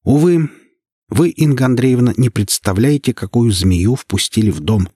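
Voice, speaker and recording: A man's voice: mid-range voice, animated, moderate pace, warm tone, slightly rough, no room sound, clean studio sound, voice pushed up. A man doing a mocking cocky detective. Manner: mocking, slangy. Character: sly sarcastic male detective, cocky.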